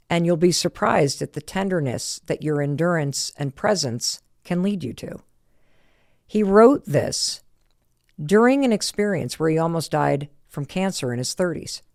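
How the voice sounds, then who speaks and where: Gravelly-voiced woman hosting a podcast. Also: on the low side, lively intonation, a little slow, no echo, studio quality. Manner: earnest and heartfelt. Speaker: podcast host. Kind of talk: casual podcast talk.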